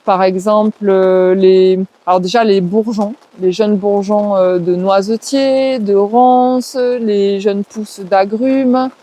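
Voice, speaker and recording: Her voice is medium-pitched, steady and warm, and she speaks slowly with few pauses. A permaculture trainer with a southwest French accent, she's a guest answering interview questions, giving lengthy, hesitant explanations peppered with "euh" and "ben" and listing items off.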